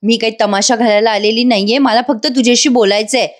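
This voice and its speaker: A woman's voice: fairly high pitch, fairly even intonation, quick pace, lightly acted. A woman voicing an earnest young heroine in a serial recap, talking in a coaxing, pleading way.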